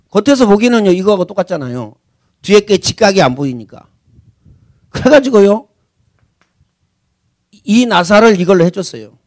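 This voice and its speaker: A man's voice: high voice, a little mellow, no room sound. A man preaching a sermon as senior pastor, talking conversationally and asking rhetorical questions.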